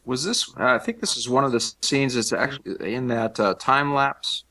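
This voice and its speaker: A man's voice: mid-range voice, normal speed, bright, forceful tone. A man who worked as a game artist, talking hesitantly with many fillers in a casual commentary.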